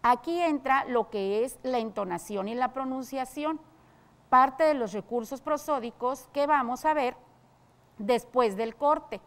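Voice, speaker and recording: Woman teacher explaining a televised lesson. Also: high-pitched. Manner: explains step by step with "eh" pauses. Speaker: secondary school teacher.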